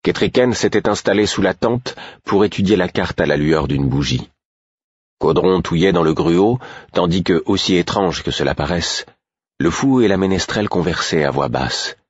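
Male audiobook narrator: very low, lively in pitch, dry muffled recording. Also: normal speed, husky, no echo. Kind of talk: scripted narration.

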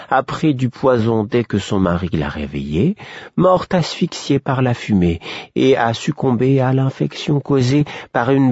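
Guy doing a spooky sad jester, higher voice, slow and a bit husky, dull dry sound. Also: no echo, exaggerated voice. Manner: flat, listing tone, rising to pleading. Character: sorrowful male court jester, prophetic and eerie. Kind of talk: audiobook reading.

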